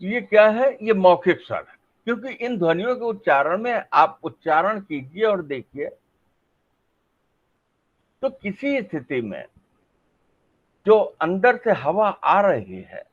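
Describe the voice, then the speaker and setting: A man's voice: sits high, sing-song, takes it slowly, pauses often. A middle-aged man giving a classroom lecture to a camera, sounding out examples and answering his own questions. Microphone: facing a camera. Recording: dull lo-fi recording.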